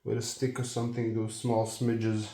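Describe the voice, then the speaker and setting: Man on an echoey low-quality phone recording. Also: monotone, moderate pace, mellow. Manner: hesitant, self-deprecating, thinking aloud. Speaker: car vlogger. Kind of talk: casual DIY walkthrough. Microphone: phone, no microphone.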